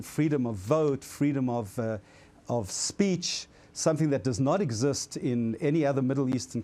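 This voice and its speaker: A man from South Africa, founder of an advocacy group, arguing forcefully and categorically in a debate. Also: medium pitch. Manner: forceful, categorical, stumbling at times. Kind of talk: studio debate.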